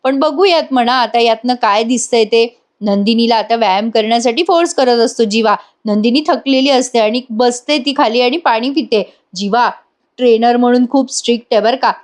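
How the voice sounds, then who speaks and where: A woman's voice: on the high side, normal speed. A woman giving a chatty voice-over review of a TV serial episode, addressing her viewers directly and teasing them.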